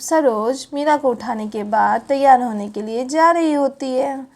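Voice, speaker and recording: Slow high-voiced woman storyteller. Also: darkish tone. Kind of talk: doll story narration.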